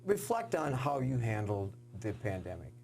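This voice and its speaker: Gravelly man hosting a sports interview. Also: medium pitch, big pitch swings, a little mellow, slight background noise. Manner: earnest, halting questions with fillers. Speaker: sports show host.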